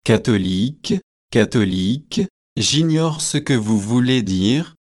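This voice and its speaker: A stiff young man who is easily shocked speaks in a storybook, voiced by a man reading aloud. He talks slowly and with measured care. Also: mid-range voice, expressive, no room sound, clean studio sound. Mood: indignant. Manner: slow, measured delivery.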